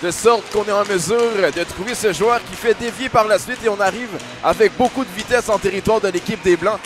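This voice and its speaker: A man with a Quebec French accent doing excited sports commentary as a hockey analyst, in explanatory, wordy phrasing. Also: high-pitched, fairly quick, music in the background.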